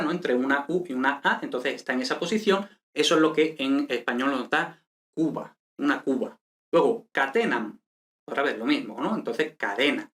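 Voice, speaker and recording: A man's voice: medium pitch, fairly bright tone. A man from teaching a casual lesson, talking in a chatty way and checking in with the listener often. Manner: chatty, frequent "¿vale?" and "eh" fillers.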